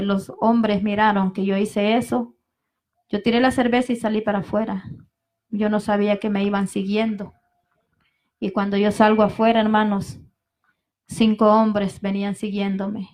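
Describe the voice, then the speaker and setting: This is a woman giving a personal testimony at a church vigil. She talks earnestly and keeps turning to the congregation. Her voice is mid-pitched and keeps a narrow, even melody. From El Salvador. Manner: earnest, repeatedly addresses the congregation as brethren. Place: evangelical vigil service.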